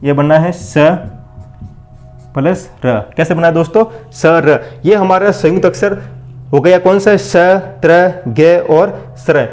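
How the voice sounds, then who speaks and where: A man's voice: on the high side, a little slow, darkish tone, faint music behind. A man teaching an exam-prep lesson, repeating each question and answer in call-and-response drills and keeps calling his listeners friends. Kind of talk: blackboard lesson for exam preparation.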